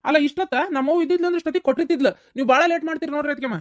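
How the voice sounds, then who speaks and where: A woman voicing an impatient young man in a cartoon, scolding fast with a North Karnataka accent. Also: high voice, no echo, clean studio sound, voice pushed up, natural voice. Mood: complaining. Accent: North Karnataka Kannada. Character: young man, impatient brother-in-law demanding breakfast.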